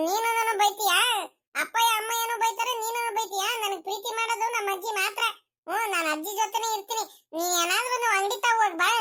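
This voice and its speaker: A woman's voice: extremely high pitch, pushed and bright. A woman voicing a cheeky, easily hurt young grandson in a cartoon comedy, whining and complaining. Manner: whiny, sulky complaining.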